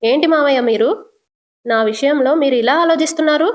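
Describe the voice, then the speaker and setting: A woman's voice: sits high, normal speed, voice pushed up, natural voice. A woman voicing a hurt young wife who speaks in a pleading, aggrieved way.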